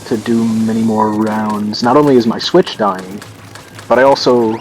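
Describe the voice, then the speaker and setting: A man chatting casually while gaming, making dry, deadpan jokes. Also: mid-range voice, moderate pace, gravelly, a little hiss or hum. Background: game music.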